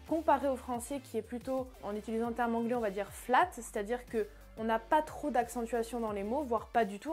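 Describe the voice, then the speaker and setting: A woman with a high, slightly mellow voice hosts a channel where she gives explanatory English lessons online. She's chatty, uses fillers and restarts, and repeats example words.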